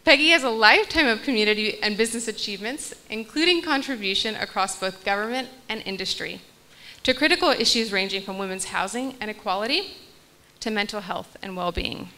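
A young panel moderator with a medium pitch and sharp tone speaks fairly quickly into a handheld microphone on a large hall stage. She reads out the guest introductions and laughs off her little slips.

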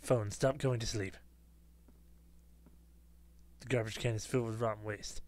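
A man's voice: on the low side, fairly even intonation, measured pace, a little mellow, slight background noise. A man playing through a horror game, reading the on-screen dialogue aloud with casual commentary and self-mocking laughs. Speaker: gamer.

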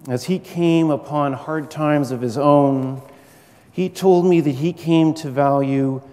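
A middle-aged man giving a prepared formal speech as a university lecturer, measured and earnest, with deliberate rhetorical pauses. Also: medium pitch, dark tone. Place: large university auditorium stage. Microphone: gooseneck podium microphone. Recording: echoey hall with long reverb.

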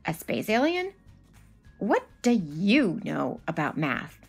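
Reading a picture book to children, a woman in her thirties speaks slowly in a lowish voice with vocal fry and a breathy edge. She's animated and expressive, pausing for questions and asides, while faint music plays behind her.

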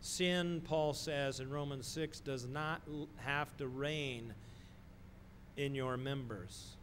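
A middle-aged man preaching a sermon in a slow, deliberate way, pausing often and stressing key words. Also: medium pitch, steady tone, fairly bright tone, slight background noise. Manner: slow, deliberate delivery with pauses and emphatic stresses. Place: church sanctuary, speaking from a wooden pulpit.

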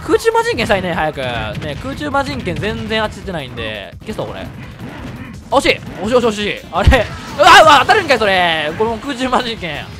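A man with a Kansai Japanese accent commentating his own fighting game matches, excitable and quick to shout and laugh at big plays. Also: high-pitched. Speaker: gameplay commentator. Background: background music.

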